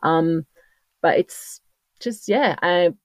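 In a casual interview chat, a Corsican woman in her fifties, a trail runner with a French accent, speaks as a podcast guest, drifting along with many restarts. She has a lowish voice and draws out her words, and there's no echo.

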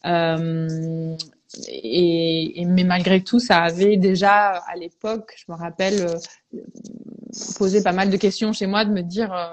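A woman's voice: on the low side, flat delivery, measured pace, slight background noise. A woman from Belgium, a veterinarian guest, tells her story in a reflective, hesitant way in a casual podcast interview.

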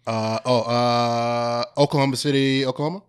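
A man's voice: medium pitch, fairly even intonation, moderate pace, clear, resonant tone. A man hosting a casual commentary chat, slangy and repeating phrases for emphasis. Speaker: host.

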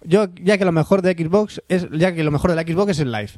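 A man's voice: a little high, brisk, no room sound, studio quality. A man from hosting a casual podcast, reading listener emails aloud in a playful, jokey way. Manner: playful, jokey, puts on loud exaggerated voices.

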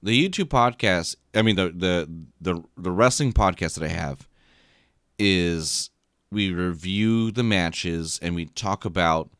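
A man co-hosting a podcast talks in a low, slightly slow, smooth voice with a fairly bright tone. Short on sleep, he drifts through casual conversation, frequently starting over and repeating himself. The podcast mic captures a dry, clean studio sound.

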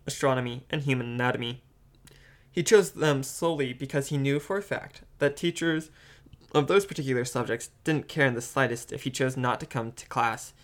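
A man narrating a fan audiobook of a novel. His reading stumbles now and then, with ums, restarts and self-corrections, all at a middling pitch. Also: a bit bright. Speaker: audiobook reader.

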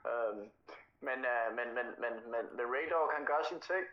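A man in casual podcast chat, easygoing, often restarting his sentences. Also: mid-range voice. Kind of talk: casual chat about hip-hop. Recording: dull lo-fi recording.

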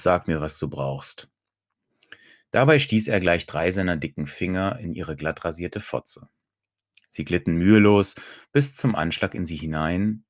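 A man reading a first-person audiobook story in a calm, even way. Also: low voice, no echo, studio quality. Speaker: audiobook narrator.

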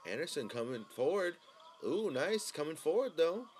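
A man's voice: fairly high pitch, big pitch swings, moderate pace, darkish tone, a little hiss or hum. A man giving casual live fight-fan commentary in a sweary frat-bro manner, full of dude and bro slang.

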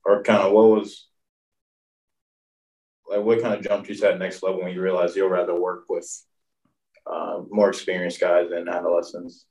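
A man's voice: low-pitched, little pitch movement, moderate pace, long pauses, a little mellow. A man interviewing a guest, asking easygoing questions in a casual chat. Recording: roomy sound from a distant mic.

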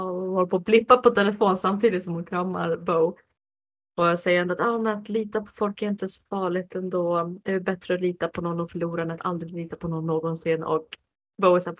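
Lower-voiced woman retelling scenes animatedly. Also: no echo. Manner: animated storytelling, acts out quoted lines. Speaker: podcast co-host recapping episodes. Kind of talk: casual recap chat.

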